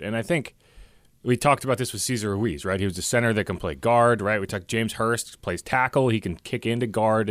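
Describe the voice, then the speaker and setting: A man's voice: on the low side, fairly bright tone, no echo, clean studio sound. A man hosting a sports podcast, breaking down players in a chatty, analytical way and often checking in with "right?". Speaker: podcast host. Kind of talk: casual sports talk.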